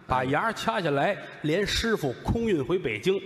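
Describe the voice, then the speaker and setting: A man with a Beijing accent performing crosstalk comedy, building his story in a lively way and drawing out the punchlines. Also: fairly high pitch, echoey room, big-room sound. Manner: lively comic narration with drawn-out punchlines.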